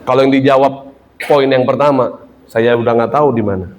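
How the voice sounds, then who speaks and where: A man preaching a sermon in a ballroom service, lively and joking with the congregation. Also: medium pitch, a little fast, slight background noise. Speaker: pastor.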